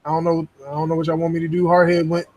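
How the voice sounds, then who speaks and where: A young man with a high voice hosts a casual gaming podcast. He swears freely and gets animated when telling stories about matches. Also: racing. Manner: loose, profane, animated storytelling. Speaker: podcast host.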